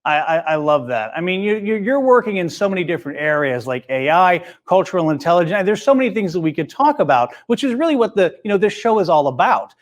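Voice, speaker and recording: A man's voice: sits high, big pitch swings, fast talker, hardly any pauses. A man hosting a business interview show, introducing his guest and asking questions in a friendly, conversational way. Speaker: host.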